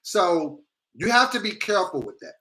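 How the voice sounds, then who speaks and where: A man with a fairly high, bright, punchy voice hosts a casual livestream. He talks with a grill on his teeth. His way of speaking is slangy, blunt and opinionated. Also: big pitch swings, moderate pace, low-quality recording. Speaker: livestream host.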